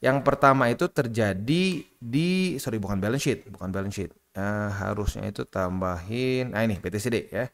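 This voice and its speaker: A man from Indonesia, giving casual, slangy commentary over market charts. His delivery is chatty and animated, and his pitch jumps up when he acts out the people he quotes. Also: moderate pace, creaky.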